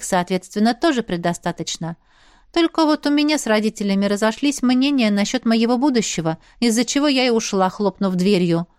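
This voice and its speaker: A woman narrates a first-person audiobook in a steady, even manner. Her voice sits a little high. The recording is close and dry, with no room echo. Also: clean tone. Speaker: audiobook reader.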